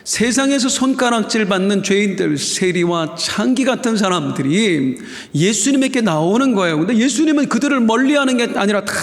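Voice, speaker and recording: A man's voice: high voice, animated, moderate pace, hardly any pauses. A male pastor preaching a dramatic sermon to his congregation in a church. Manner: dramatic, rising and falling, addresses the congregation. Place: church sanctuary. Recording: echoey hall.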